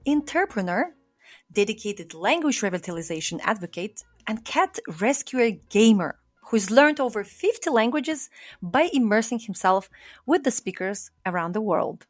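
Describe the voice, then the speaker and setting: A woman's voice: a little high, very animated, normal speed, soft background music. A woman co-hosting a podcast interview, welcoming her guest with enthusiasm. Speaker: podcast co-host.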